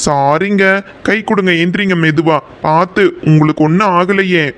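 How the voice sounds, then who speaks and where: A man's voice: sits high, steady tone, normal speed, fairly bright tone. A man voicing a flustered village man in a cartoon who keeps apologizing and pleading, speaking with a Coimbatore Tamil accent. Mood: apologetic. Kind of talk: cartoon voice acting.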